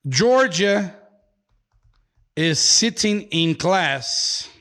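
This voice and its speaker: During a live online English class, a man with a high, expressive, slightly bright voice and a Brazilian accent says every phrase slowly and repeats it. He alternates between English and Portuguese as he teaches.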